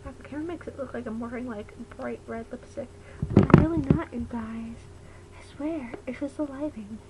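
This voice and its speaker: A young woman with a fairly high voice chats casually in a bedroom vlog. Her words are slightly impeded by the retainer in her mouth, and she rambles informally. The webcam recording has clear background noise. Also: fairly quick. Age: young adult. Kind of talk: casual vlog chat to camera. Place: bedroom at home.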